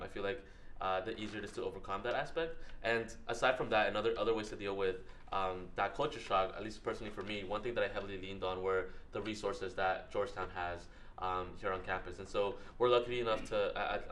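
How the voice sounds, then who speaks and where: Young male panelist, earnest, repeats words, quick, lowish voice. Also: fairly bright tone, a little hiss or hum. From United States. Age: young adult. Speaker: student panelist. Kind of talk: panel discussion answer.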